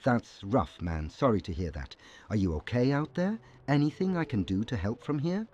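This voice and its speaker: A man's voice: medium pitch, sing-song, moderate pace, darkish tone. A man playing a supportive, concerned friend on a phone call in a scripted drama, casual and reassuring. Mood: sympathetic. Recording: muffled, noisy phone-call sound.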